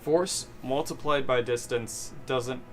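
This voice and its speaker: A young man streams and chats over drinks. He is animated and self-mocking, swears often, and talks at a middle pitch. Faint music plays behind him. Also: slow pace. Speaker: streamer host. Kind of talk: casual chat while drinking.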